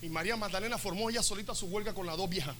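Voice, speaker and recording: A male pastor, preaching an animated sermon in a high, very bright voice. He jokes and calls on the congregation to answer back. Faint church ambience sits behind him. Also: racing, a little hiss or hum. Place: church service.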